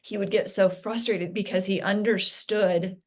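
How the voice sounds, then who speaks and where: A woman's voice: mid-range voice, fairly even intonation. Earnest mother telling her story. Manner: earnest, halting, many fillers and restarts. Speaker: parent telling her son's story as interview guest. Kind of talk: candid interview conversation.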